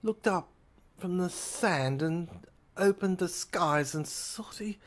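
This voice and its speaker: A woman narrates an audio drama in the first person with a voice on the low side. Her pace is slow and her delivery halting, full of repeated words and broken phrases.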